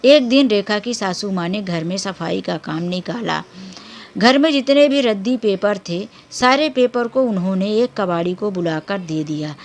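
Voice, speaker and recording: A woman narrating a dramatic family story in an unhurried, emotional storytelling manner. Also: mid-range voice, expressive.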